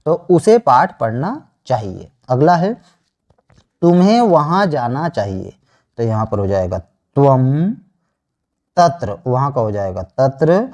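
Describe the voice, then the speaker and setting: A man teaching Sanskrit grammar online, slowly repeating each answer after asking it back. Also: mid-range voice, big pitch swings, darkish tone. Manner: slow, repeats answers with rhetorical questions. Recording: dull lo-fi sound.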